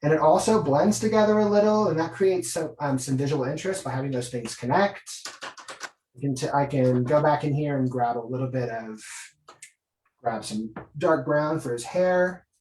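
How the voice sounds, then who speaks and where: A guest illustrator chats casually and enthusiastically, thinking aloud as he demonstrates drawing. His voice is a little high and a little mellow, at a moderate pace. The recording has a roomy echo, as he sits away from the mic, plus a little hiss or hum.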